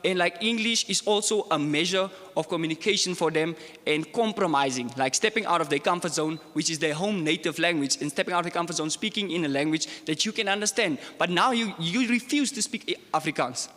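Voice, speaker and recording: A young South African man on a student panel speaks earnestly in a highish, pushed, bright voice, talking briskly with barely a pause. He says "like" a lot and gets more heated as he argues his points, and the recording carries a long reverb tail.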